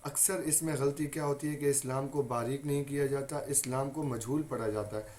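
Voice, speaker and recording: A man's voice: medium pitch, steady tone, fairly quick, a little mellow. A man with a Pakistani Urdu accent teaching a Quran recitation lesson, patiently repeating each point and saying letters aloud as examples.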